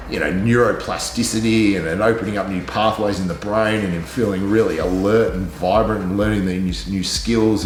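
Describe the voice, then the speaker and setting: A middle-aged man chatting casually to camera in a wry, teasing way. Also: fairly low pitch. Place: small plain indoor room. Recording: echoey bare room, faint music.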